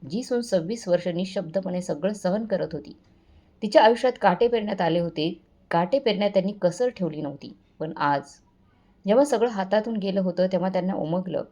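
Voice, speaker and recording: A woman's voice: mid-range voice, brisk, warm tone. A woman narrating an emotional family story in a scripted, dramatic way.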